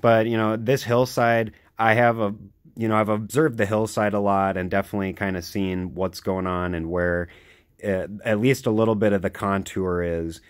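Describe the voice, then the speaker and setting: A man's voice: lowish voice, level tone, moderate pace, clear, resonant tone. A young man casually narrating his homestead work outdoors, rambling and eager, with lots of "you know" fillers. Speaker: homesteader vlogger.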